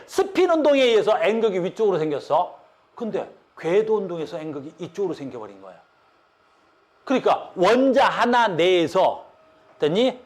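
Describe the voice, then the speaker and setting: A male physics teacher lecturing a class, stopping again and again to check that students follow. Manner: keeps checking understanding with short questions; lively, swings between loud stresses and low mutters.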